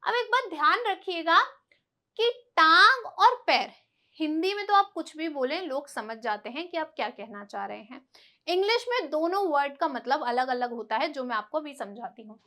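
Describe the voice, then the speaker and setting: A woman's voice: high voice, expressive, normal speed, bright, forceful tone. A woman teaching a vocabulary lesson, patiently explaining and drilling by asking her own questions and answering them. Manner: explains patiently, stressing pronunciation.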